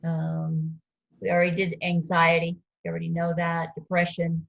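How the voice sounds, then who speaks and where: A woman's voice: fairly low pitch, moderate pace, creaky, muffled recording. Woman teaching a ski patrol class. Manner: relaxed, conversational teaching with fillers and quizzing questions. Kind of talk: classroom lecture.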